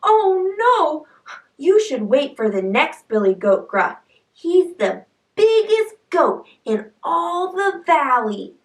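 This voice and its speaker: A woman voicing a nervous middle-sized billy goat with a high, shaky pleading voice in a children's story. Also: big pitch swings, takes it slowly, far from the mic, exaggerated voice.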